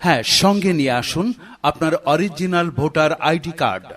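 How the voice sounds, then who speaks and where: A man's voice: a little high, expressive, a little fast, fairly bright tone. A man with a Bangladeshi accent acting in a scripted shop advertisement as an agreeable, keen announcer. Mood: promotional. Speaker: advertisement voice artist.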